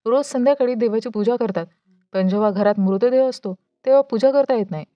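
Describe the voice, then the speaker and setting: A woman voicing a timid young bride newly married into a family, with a soft, plaintive delivery. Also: a little high, a little fast, no echo, dull audio, lightly acted.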